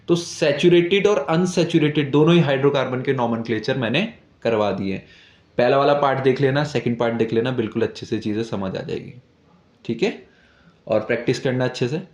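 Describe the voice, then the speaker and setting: A man's voice: mid-range voice, a little mellow. Young male chemistry teacher, echoey room. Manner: asks questions and answers them himself, repeats "ठीक है". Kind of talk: classroom lesson explanation.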